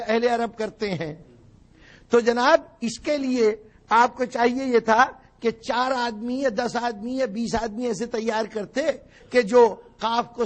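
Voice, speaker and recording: Man, very high voice, religious orator, sermon lecture, explanatory, rhetorical questions. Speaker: religious orator at a mourning gathering. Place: religious gathering hall.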